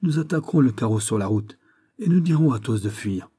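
A man's voice: mid-range voice, expressive, brisk, dark tone, slightly rough. A man doing a bluff, bold musketeer. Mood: eager.

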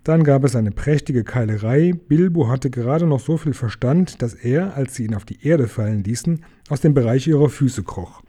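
A man reading a storybook aloud in calm, measured narration. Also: mid-range voice, breathy edge. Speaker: audiobook reader.

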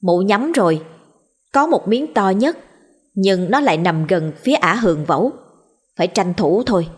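A woman narrating a village story in a lively, colloquial storytelling manner. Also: medium pitch, normal speed, breathy edge.

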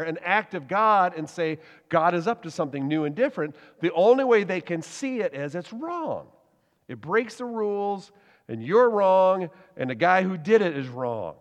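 A man preaches with animated storytelling and acts out the lines of the people in the story. His voice sits a bit high, and a long hall reverb trails behind it. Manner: lively storytelling, animated with laughs and acted quotes. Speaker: pastor. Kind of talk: sermon.

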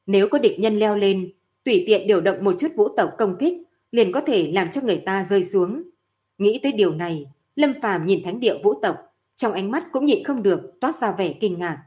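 Steady female audiobook narrator. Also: medium pitch, moderate pace. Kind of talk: audiobook narration of a fantasy novel.

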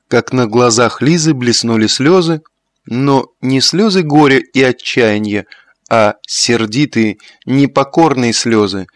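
A man narrating a literary audiobook in a measured, even storytelling manner. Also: mid-range voice, no echo.

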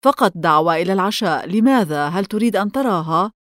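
A woman's voice: on the low side, animated, fast talker, a bit bright, dry recording, studio quality. A woman reading the lines of a reserved middle-aged male lawyer in a storybook, in a grave, guarded manner.

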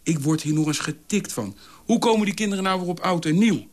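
A man's voice: a little fast, natural voice. A man reading a radio story, voicing a dogmatic, quarrelsome male commune ideologue who scolds and lectures. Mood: ranting. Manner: shrill, scolding, hectoring.

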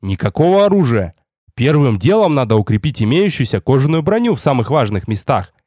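A man's voice: mid-range voice, very animated, fairly quick, warm tone, slightly rough, no echo. A man voicing a stern young male lord and mage who gives curt orders.

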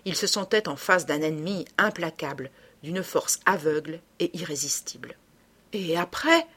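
A woman narrating a classic novel as an audiobook in a steady, expressive reading. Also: low-pitched, normal speed, husky.

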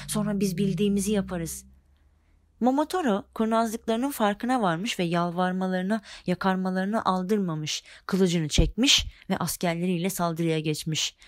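Expressive woman reading a fairy tale. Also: fairly low pitch, dry recording, studio quality. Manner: expressive, changes voice for characters. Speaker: narrator. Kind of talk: storybook reading.

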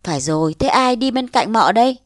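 A woman's voice: fairly high pitch, animated, brisk, dry recording, lightly acted. Woman reading as a jovial middle-aged man, coaxing, playful, dry sound.

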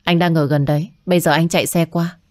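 A woman's voice: deep voice, steady tone, fast talker, a little mellow, dry recording, close to an everyday voice. A woman voicing a protective young man who answers in short, firm replies and flares up in frustration, recorded dry. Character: young man, well-off, protective, quick to anger.

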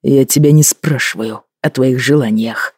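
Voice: mid-range voice, animated, moderate pace, slightly rough, dry recording, clean studio sound. A reader voicing a furious young Scottish husband. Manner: forceful, clipped, rising to shouts. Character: angry young Scottish husband, fiercely proud.

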